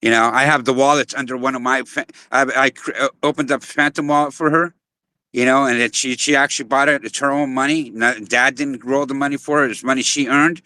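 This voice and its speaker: A man's voice: medium pitch, fairly even intonation, fairly quick, pushed and bright, smooth, dry recording. A middle-aged man hosting a casual chat, speaking earnestly with many restarts. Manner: earnest, with frequent restarts and "you know" fillers. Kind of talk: casual chat on a live audio space.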